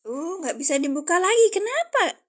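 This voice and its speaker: A woman, teaching Arabic grammar on a live stream. She talks casually, answers viewers as she goes and slows down to spell out the examples. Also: very high-pitched, sing-song. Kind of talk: casual livestream lesson.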